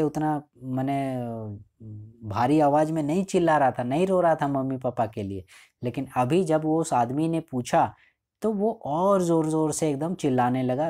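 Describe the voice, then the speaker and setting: A male teacher giving a line-by-line explanation of a school chapter. He reads English lines slowly, then explains them in a casual way, often checking in with the students. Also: fairly high pitch, warm tone. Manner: frequent checking fillers.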